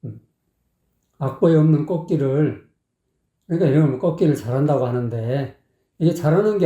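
A man's voice: fairly high pitch, mellow, muffled recording. A man critiquing a singer's performance, blunt and scolding, dropping in short affirmations as he breaks the song down. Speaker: singing critic. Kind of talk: song analysis commentary. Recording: roomy echo.

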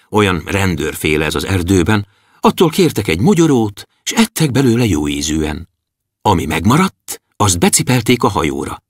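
Male children's audiobook narrator, animated and expressive, close studio mic, dry sound. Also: lowish voice, dry recording. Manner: lively, expressive storytelling.

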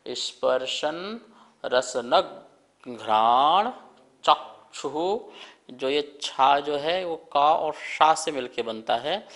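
A man leading a televised scripture lesson, calmly explaining and drilling careful pronunciation. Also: on the high side. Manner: leads call-and-response recitation. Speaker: religious teacher leading a scripture class.

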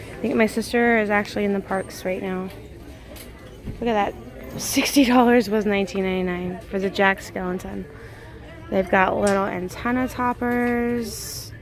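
A woman narrating a casual shopping vlog, gushing over cute finds as she films on a handheld phone in a large indoor store. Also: medium pitch. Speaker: vlogger. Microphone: handheld phone camera. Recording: crowded store background.

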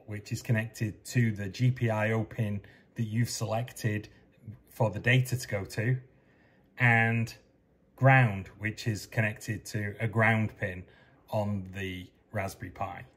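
A man in his fifties talks through wiring steps methodically, repeating each one plainly. His voice is fairly low and husky. He is recorded on a desk webcam in a basement workshop. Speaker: DIY sailing electronics presenter. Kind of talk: technical tutorial.

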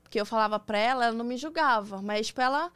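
A young Brazilian woman with a somewhat high voice tells her own story as a podcast guest. She acts out the quoted lines of the conversation she describes, and the recording is close and dry. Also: racing, clear, resonant tone, dry recording. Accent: Brazilian Portuguese. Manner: lively storyteller acting out quoted dialogue. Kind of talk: casual storytelling interview.

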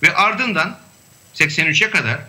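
Male academic guest, high and very bright voice, measured, filler-heavy delivery. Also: animated. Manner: measured, hesitant with frequent fillers. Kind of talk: remote panel discussion.

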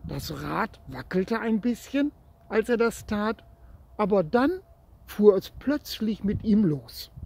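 A man reading a children's story aloud in a gentle way, speaking straight to the child listening, with a husky voice. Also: high-pitched.

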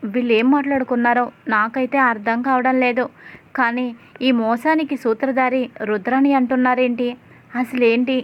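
A woman's voice: fairly high pitch, steady tone, moderate pace, highs cut off, natural voice. A woman voicing a confused older woman of the household who mutters questions to herself. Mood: puzzled. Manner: bewildered, muttering.

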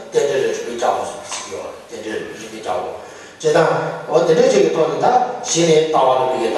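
A man's voice: fairly high pitch, a little mellow. Male lama teacher, loose and chuckling, heard from afar in a reverberant hall with faint room noise. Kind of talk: religious teaching. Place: large monastery teaching hall. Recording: echoey hall from far off.

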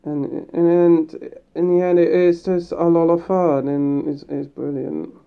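This fursuit creator's voice is gravelly yet clean in tone, medium in pitch, unhurried, and fairly flat in melody. Talking through the mascot head, he keeps the vlog chat loose and cheerful, full of fillers and false starts, on a dull lo-fi recording.

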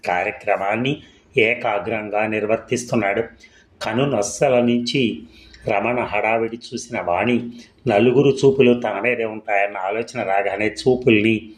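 A man narrating a short story in a measured, expressive storytelling manner. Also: fairly low pitch.

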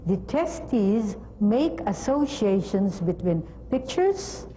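A middle-aged woman presenting a scripted lesson in a measured, deliberate, instructional way. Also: mid-range voice, very animated, warm tone, a little hiss or hum. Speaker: presenter of an educational program on language testing. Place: TV studio.

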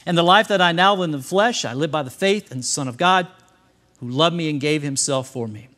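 Emphatic pastor preaching, somewhat high voice. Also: male voice, fairly quick, a bit bright. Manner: emphatic, talks with the congregation, light humor. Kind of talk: sermon. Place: church service before a congregation.

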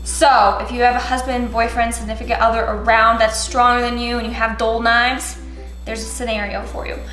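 A young woman in her twenties walks through a meal-prep routine in a casual, upbeat way, explaining each step as she goes. Her voice sits a little high. The kitchen sounds roomy and echoey, with faint music underneath. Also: level tone, normal speed, a bit bright. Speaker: lifestyle vlogger. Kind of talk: casual cooking tutorial. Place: home kitchen, indoors. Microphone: camera mic from a few steps away.

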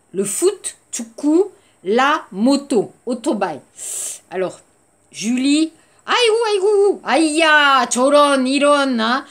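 A woman teaches a beginner French class at an unhurried pace, repeating each word and slipping in short Korean translations. Her voice sits a little high for a woman. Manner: slow, repeats words, mixes in Korean glosses. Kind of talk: language lesson for Korean learners.

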